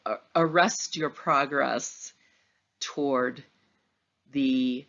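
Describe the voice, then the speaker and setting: A middle-aged woman giving a gentle, encouraging motivational pep talk as a teacher, speaking in a measured, reassuring way with deliberate pauses, in a dull lo-fi recording. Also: extremely low pitch, vocal fry. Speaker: teacher addressing students at semester's end.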